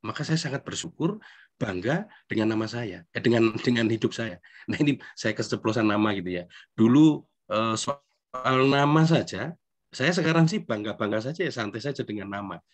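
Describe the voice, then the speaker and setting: A middle-aged man from Indonesia, speaking as a priest at a recollection gathering. He talks in a conversational, self-deprecating way and keeps adding friendly tag questions. His pitch sits in an ordinary middle range. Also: expressive, moderate pace. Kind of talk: recollection talk. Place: church hall.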